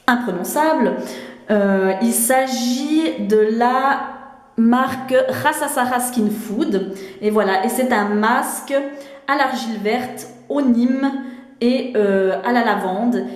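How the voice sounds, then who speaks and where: A woman's voice: mid-range voice, a little mellow. A chatty woman with a Swiss French accent talks through her skincare products in a casual, rambling way. She stumbles and restarts often. The sound is roomy, with echo off the walls. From Switzerland. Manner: chatty, many fillers and restarts, laughs often. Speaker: beauty vlogger. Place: home bathroom. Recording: echoey room.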